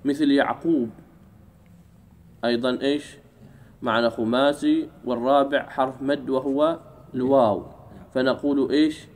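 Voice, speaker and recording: A man teaching an Arabic grammar lesson in a classroom, drawing out key words slowly and keeping the class engaged with questions. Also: medium pitch, steady tone, a little mellow. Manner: drawls key words slowly, keeps asking "what?".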